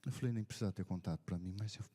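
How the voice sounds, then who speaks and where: Husky low-voiced preacher telling a story. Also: male voice, rapid-fire, mellow. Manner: retells dialogue, drops to whispers and rises in bursts. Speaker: pastor. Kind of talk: sermon storytelling.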